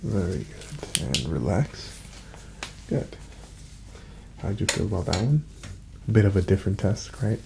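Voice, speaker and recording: Over faint background noise, an ASMR roleplayer voices a calm, polite male doctor examining a patient. He speaks softly in a low, very creaky voice, frequently dropping to a breathy whisper, and his gentle instructions come slowly with a lilting, rising-and-falling melody.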